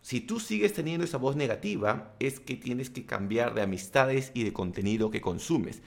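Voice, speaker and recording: A man's voice: mid-range voice, moderate pace, creaky. Blunt man giving motivational tips. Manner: blunt, crude slang, animated asides. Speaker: self-help vlogger and coach. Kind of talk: motivational talking-to-camera monologue.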